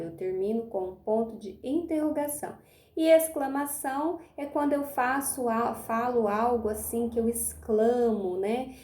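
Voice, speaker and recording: A woman's voice: on the high side, warm tone, roomy sound. A woman teacher gives a remote lesson to young pupils, stretching her words and checking in often. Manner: patient, drawn-out words, often asks "tá bom?". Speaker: primary school teacher.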